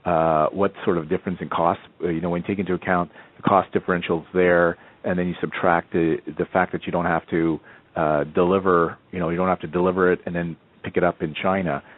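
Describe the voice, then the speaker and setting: His voice sits low and level, fairly quick, as this man questions the speakers on a conference call in his role as analyst. He hesitates and goes back to rephrase, over a muffled line.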